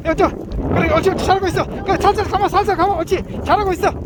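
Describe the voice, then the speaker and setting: A middle-aged man talks casually as a fishing guide in an extremely high, exclamatory voice. He repeats short bits of encouragement. Loud wind and rain noise runs over the outdoor recording. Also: fairly even intonation, quick pace, a loud crowd. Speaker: fishing guide and pension host. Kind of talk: casual chat while coaching guests at fishing.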